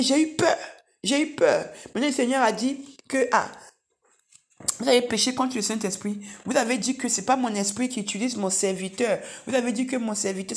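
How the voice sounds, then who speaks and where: A middle-aged woman giving a spoken church testimony, telling a vision in animated, repetitive storytelling and calling her listeners beloved. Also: fairly high pitch.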